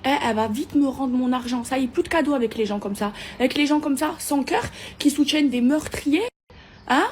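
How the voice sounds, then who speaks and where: Husky fast-talking indignant woman. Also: high voice. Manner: agitated, indignant. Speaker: influencer posting a story. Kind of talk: angry social media rant.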